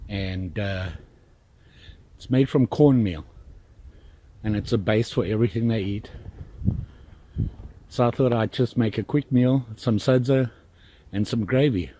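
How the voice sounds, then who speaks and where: A middle-aged man from Zimbabwe talks at an unhurried pace while cooking outdoors, relaxed and chatty with plenty of fillers. His voice is mellow and warm. A faint outdoor hum sits behind him. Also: fairly low pitch. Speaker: outdoor vlogger. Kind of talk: casual outdoor cooking vlog. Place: outdoors in snowy woods.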